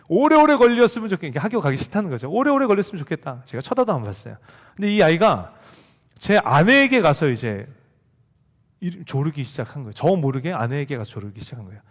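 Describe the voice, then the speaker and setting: A man's voice: on the high side, a little fast. A male pastor giving a sermon to a youth group, telling a story and acting out the lines of the people in it. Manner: animated storytelling, acts out quoted dialogue. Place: church sanctuary. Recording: long hall reverb.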